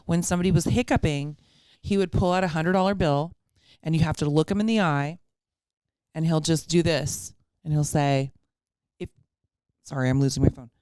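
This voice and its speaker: A woman's voice: sits low, normal speed, darkish tone, smooth, no room sound. A woman podcast co-host chatting casually in a playful, informal way. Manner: playful, chuckles often. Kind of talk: casual chat.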